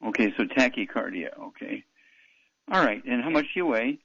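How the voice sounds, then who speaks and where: A man's voice: mid-range voice, big pitch swings, normal speed, fairly bright tone, breathy edge, no room sound, lo-fi sound. A man hosting a call-in radio advice show, blunt and dismissive, often interrupting callers. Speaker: radio talk show host.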